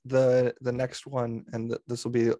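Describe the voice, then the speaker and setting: A man's voice: medium pitch, completely flat delivery, moderate pace, dark tone, dry recording. A man co-hosting a comedy podcast, chatting casually and playfully and laughing often. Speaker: podcast co-host.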